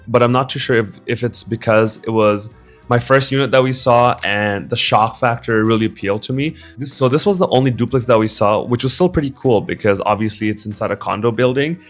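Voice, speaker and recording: A young man from Bangladesh, chatting casually in a voice-over about apartments he toured. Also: medium pitch. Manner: relaxed and chatty, casual slang. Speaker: vlogger touring apartments. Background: faint music.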